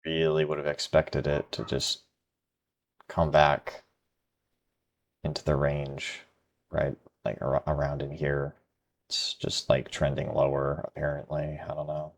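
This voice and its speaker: A man's voice: extremely low pitch, completely flat delivery, a little slow, creaky, pauses often. A tired man talking to himself while trading live, frustrated and muttering. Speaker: day trader.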